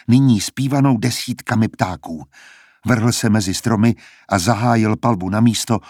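A man narrating an audiobook with a husky, somewhat low voice. He reads in a steady, measured way, recorded close and dry with no room sound. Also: no room sound.

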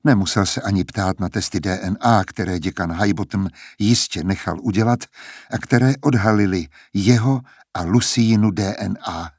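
A man reading an audiobook as narrator in a calm, steady storytelling manner. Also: fairly low pitch, husky, no room sound, studio quality. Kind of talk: scripted narration.

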